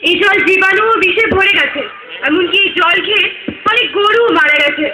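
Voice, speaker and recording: A woman acts out a sorrowful female nature spirit in a stage play, her voice pitched extremely high as she laments and lectures in rhyming verse. The sound is roomy and echoey, like a hall. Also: moderate pace. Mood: mournful. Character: grieving female nature spirit, river and tree.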